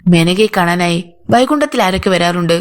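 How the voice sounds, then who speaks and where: A woman's voice: fairly low pitch, expressive, a little fast, close to an everyday voice. A woman voicing a male police inspector who questions firmly and sternly. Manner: firm, interrogating. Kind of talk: audiobook character voice.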